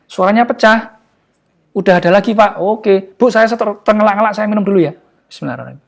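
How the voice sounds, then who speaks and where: A man giving a casual, jokey motivational talk to a live online audience, often pausing for words. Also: high voice, gravelly. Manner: chatty and jokey, often searching for words with fillers. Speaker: online class speaker.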